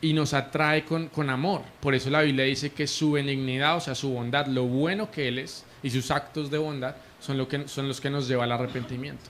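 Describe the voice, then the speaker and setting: Colombian guy telling his faith story, earnest, lots of restarts, mid pitch, faint room hiss. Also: fairly even intonation, brisk, few pauses, a bit bright. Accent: Colombian Spanish. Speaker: prophet, interview guest. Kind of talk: conversational testimony.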